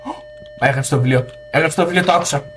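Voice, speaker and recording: A man's voice: a little high, a bit bright, slight background noise. A man streaming a ghost-hunting game, chatting casually with a friend, jumpy and swearing constantly. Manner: jumpy, swears constantly, yelps when startled. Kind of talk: casual gaming chat with a friend.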